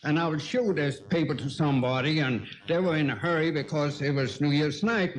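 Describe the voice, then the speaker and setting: An older man speaks with a clear Danish accent, his voice sitting a little high. He tells unhurried, chuckling anecdotes as a guest on a television talk show. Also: poor audio. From Denmark. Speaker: guest painter. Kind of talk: casual talk-show storytelling.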